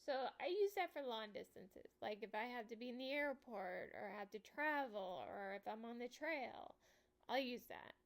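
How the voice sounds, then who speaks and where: A middle-aged woman talking casually and candidly, with slurred, halting speech that sounds a little stoned and a wry streak. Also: on the high side, lively intonation. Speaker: vlogger sharing a personal health update. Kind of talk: casual personal talk to camera.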